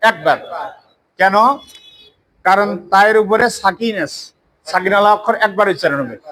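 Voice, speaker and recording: Sex: man. Role: Quran teacher. Pitch: high. Style: classroom recitation lesson, drilling sounds and answering his own questions. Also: normal speed, a bit bright, rough recording. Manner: drills pronunciation, asks questions and answers them himself. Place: mosque classroom.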